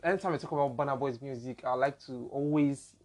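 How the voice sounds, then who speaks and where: A man's voice: medium pitch, fast talker. Nigerian man hosting a podcast chat. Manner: discursive, builds points with examples. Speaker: podcast host. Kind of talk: casual podcast discussion.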